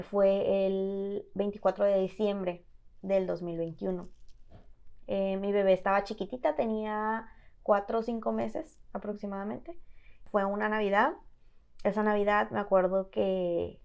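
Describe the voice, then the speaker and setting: A woman from Mexico telling her own story as a guest in an interview, halting and full of fillers and restarts. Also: medium pitch, clear, resonant tone, highs cut off. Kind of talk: personal testimony in an interview.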